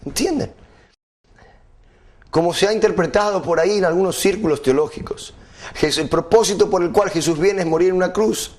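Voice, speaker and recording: A middle-aged man preaching a sermon, asking the congregation rhetorical questions and reading scripture slowly. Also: a little mellow. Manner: quotes scripture at a slower, lower pitch.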